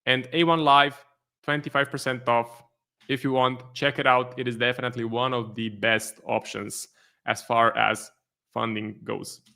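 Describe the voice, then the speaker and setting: Speaking English with a Croatian accent, this livestream host from Croatia casually runs a trading stream, picking up audience questions and chatting through his answers. He has a gravelly, mid-range voice at normal speed.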